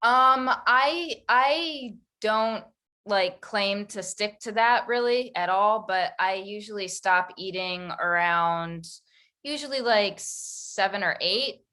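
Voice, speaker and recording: Easygoing woman host, bright voice. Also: medium pitch, takes it slowly. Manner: friendly, easygoing, many fillers. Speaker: podcast host, interviewer. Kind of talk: casual interview chat.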